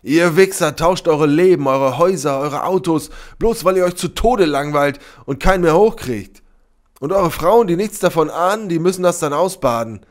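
A man voicing a brash, scornful young woman in a read-aloud story, raising his voice high for her. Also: very animated, normal speed. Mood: furious. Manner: mocking, then shouting in fury.

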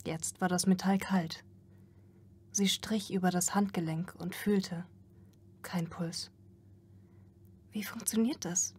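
Breathy woman narrating a tense story. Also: lowish voice, level tone, slow pace, long pauses, darkish tone. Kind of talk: audiobook narration.

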